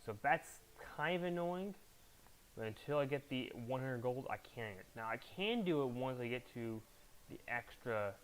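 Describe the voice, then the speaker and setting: A man's voice: medium pitch, low-quality recording. Man's casual gaming commentary, faint noise. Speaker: gamer, challenge-run host.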